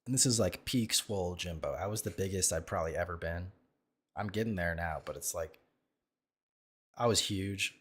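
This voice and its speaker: A man with a lowish voice tells a story in an offhand, rambling way. He is crude and self-mocking and keeps restarting his sentences as he reacts to videos. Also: normal speed, fairly bright tone, breathy edge.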